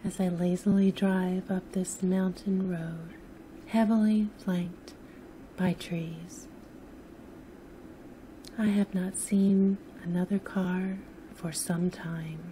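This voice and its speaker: A woman with a very mellow, dark-toned voice narrates a sleep story. She is soft-spoken and soothing, often drifting near a whisper. Her pace is very slow and unhurried, with faint noise behind her. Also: fairly low pitch, fairly even intonation, low-quality recording. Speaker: host and narrator of sleep stories.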